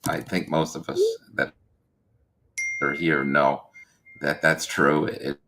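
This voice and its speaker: A man speaking on a video call whose audio glitches, cuts out and lags, talking in a halting way with many restarts. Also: a bass voice, level tone, sharp tone, slight background noise. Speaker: panel guest on a video call. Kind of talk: casual panel talk.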